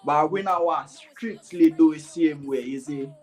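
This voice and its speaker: A young Ghanaian man, a dancehall artist appearing as a guest, speaks over a remote video call with a fairly high, unhurried voice and faint music in the background. His accent blends Ghanaian with Jamaican patois. In a casual interview manner, he keeps posing "what?" to himself and answering it, sprinkling "you know" throughout.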